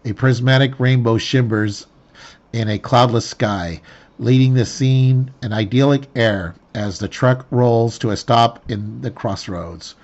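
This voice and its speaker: A man's voice: mid-range voice, measured pace, a little mellow. A man reading a tabletop game's story text aloud, often stumbling and correcting himself. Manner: stumbling restarts and self-corrections while reading. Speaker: player reading the scenario aloud. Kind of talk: reading game narration aloud, with slips. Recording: dull lo-fi sound.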